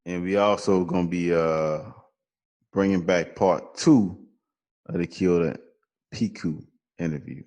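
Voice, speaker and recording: A man with a very low voice and a New Orleans accent, chatting easily as a podcast co-host. He rambles along with plenty of "you know," unhurried and relaxed. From New Orleans, USA. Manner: laid-back, rambling, lots of "you know". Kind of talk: casual chat. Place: garage.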